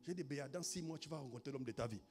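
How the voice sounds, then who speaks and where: A man preaching a sermon, moving from hushed storytelling to shouted proclamations and calling out to his congregation. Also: medium pitch, very fast. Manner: punctuates with exclamations to the congregation. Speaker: pastor.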